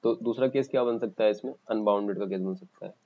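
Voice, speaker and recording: A man with an Indian accent teaching a math lesson for exam coaching, explaining step by step and pausing as he writes. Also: fairly low pitch, highs cut off. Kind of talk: online exam-coaching lecture.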